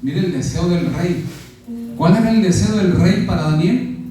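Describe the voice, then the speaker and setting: Mexican pastor preaching in an echoey church. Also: male voice, high voice, normal speed, mellow, soft background music. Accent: Mexican Spanish. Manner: preaching with questions to the congregation. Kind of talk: sermon. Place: church sanctuary. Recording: echoey church hall from far off.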